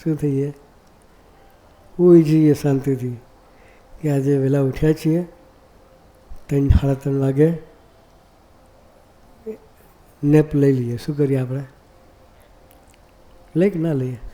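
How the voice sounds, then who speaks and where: A man's voice: medium pitch, steady tone, slow, pauses often, mellow. A man giving a devotional discourse as a monk preacher, often asking the audience rhetorical questions.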